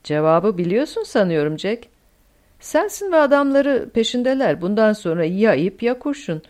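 A woman's voice: medium pitch, very animated, normal speed, darkish tone, voice pushed up, lightly acted. A woman voicing a grim, blunt male American agent in an audiobook.

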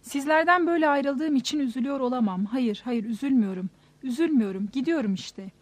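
A woman's voice: high-pitched, animated, quick pace, dry recording. A woman voicing the inner thoughts of an anxious, troubled man riding a bus, in a tense, questioning way. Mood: brooding.

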